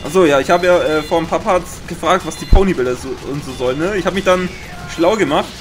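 A young man with a Bavarian accent giving excitable Let's Play commentary, swearing often and making sound-effect noises. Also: a little high, quick pace, faint music behind. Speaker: gaming commentator.

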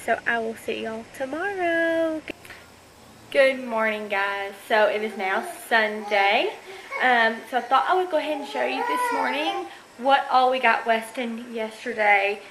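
Girl in her 20s vlogging, bright high voice, chatty and sweet, faint background noise. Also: expressive, a little slow. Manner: chatty, filler-heavy, sweet. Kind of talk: casual vlog chat to camera.

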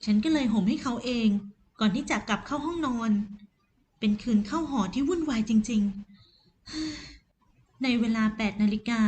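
A woman narrating a first-person romance audio novel in an even storytelling voice. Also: fairly high pitch.

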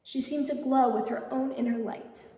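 A woman reads a children's picture book aloud at a library storytime, pausing to ask the children gentle questions. Her voice is fairly high. It echoes around a large room from far off the mic. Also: fairly even intonation. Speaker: storytime reader. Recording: echoey hall, distant mic.

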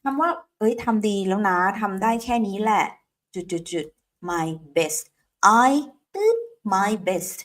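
A woman's voice: mid-range voice, moderate pace. A woman English teacher giving an online lesson, drilling phrases word by word and prompting viewers to repeat them aloud.

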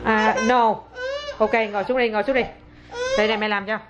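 A woman's voice: medium pitch, steady tone, a little fast, highs cut off, over music. A woman, a mother filming her toddler in a casual home vlog, chatty and exclaiming as she coaxes the child.

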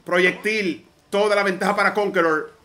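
A man doing energetic live play-by-play commentary on a fighting game match, urgently calling every move and addressing viewers directly. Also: high voice, moderate pace. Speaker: esports caster.

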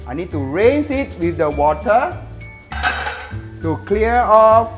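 A middle-aged man hosting a casual cooking show, chatty and excitable, switching between English and Mandarin, recorded on a lapel mic at a market and in his home kitchen. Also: high-pitched, slow pace, over music.

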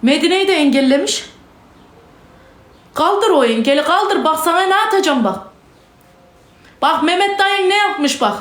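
A woman's voice: very high-pitched, lively intonation, moderate pace, long pauses, fairly bright tone, echoey room. A distraught woman ranting in an emotional vlog, agitated, repeating herself, cursing and crying out to God. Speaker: vlogger.

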